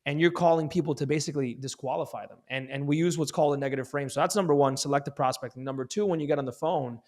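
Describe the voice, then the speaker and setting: A man's voice: fairly high pitch, very fast. A male real estate agent guest giving sales tips in emphatic talk, often repeating words as he starts a phrase. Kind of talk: fast sales-coaching talk.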